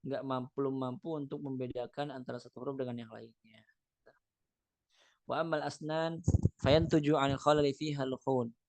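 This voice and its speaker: Brief: male teacher, mid-pitched, reads Arabic then explains it loosely with fillers; dry close sound. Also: darkish tone, no echo. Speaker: Quran recitation teacher. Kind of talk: explaining a text line by line.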